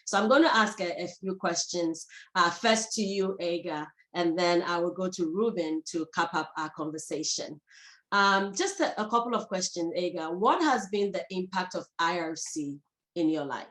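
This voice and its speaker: A woman hosting a virtual foundation event, introducing guests with frequent pauses and fillers. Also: fairly low pitch, reverberant, low-quality recording. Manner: warm, halting, many fillers. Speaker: host.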